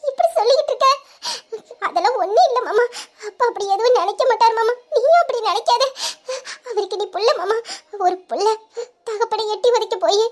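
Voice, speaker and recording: A woman voicing Nila, a tender young woman in a Tamil audio drama, pleading and coaxing through tears. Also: extremely high pitch. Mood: comforting.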